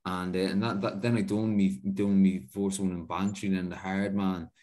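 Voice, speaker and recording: A man hosting a podcast, asking rambling questions in a relaxed, casual chat. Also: low voice, moderate pace. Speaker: podcast host.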